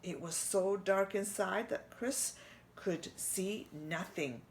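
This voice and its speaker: A woman takes her time reading a children's storybook aloud in a church, using a medium-pitched, expressive voice and stopping now and then to quiz the young listeners.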